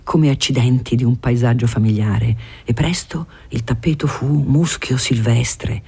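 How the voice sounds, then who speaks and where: A measured literary audiobook narration that sinks into whispers at tender moments, read in a breathy voice. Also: medium pitch, steady tone, warm tone.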